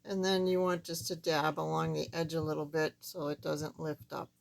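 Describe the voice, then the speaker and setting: A woman with a thin, squeaky, reedy voice that is not quite back to normal, giving a casual, step-by-step craft tutorial in a halting way. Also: level tone, gravelly, low-quality recording. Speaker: card-making tutorial host.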